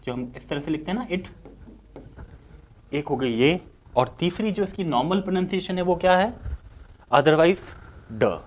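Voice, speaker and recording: A man with a Hindi accent gives an exam-prep lecture in a somewhat higher voice. He keeps posing questions and answering them himself, stretching out the sounds he demonstrates. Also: a little mellow. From India. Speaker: English teacher.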